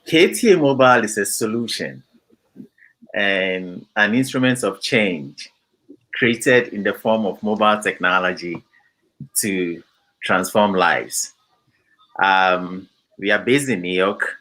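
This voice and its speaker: A man from Ghana, a company founder, explaining his product in an interview in a measured way, with many pauses and fillers. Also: lowish voice, fairly bright tone, low-quality recording.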